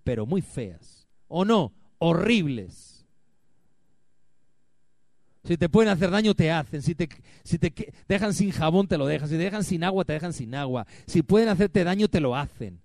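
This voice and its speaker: A man preaching a sermon with a fairly high voice, recorded dry and close with no room sound. He fires rhetorical questions at the congregation and swings from soft asides to loud, ringing declarations. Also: lively intonation, fairly quick, hardly any pauses, dry recording. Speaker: pastor. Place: church.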